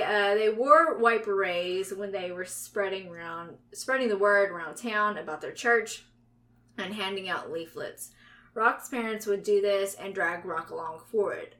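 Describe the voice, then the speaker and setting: A woman's voice: mid-range voice, fairly bright tone. A woman co-hosting a casual true-crime podcast, narrating the story and bantering with a playful manner. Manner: playful, quick to laugh and banter. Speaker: podcast co-host.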